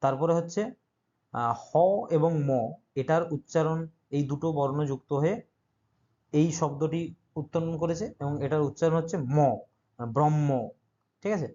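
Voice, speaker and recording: A man's voice: fairly high pitch, fairly even intonation, normal speed, pauses often, dark tone, dull audio. A male teacher who explains an exam-prep grammar lesson step by step and keeps checking that his students follow.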